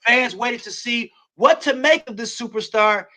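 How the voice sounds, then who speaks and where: A man hosting a wrestling show, recapping a match play by play and building to shouts at the near-falls. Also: very high voice, normal speed.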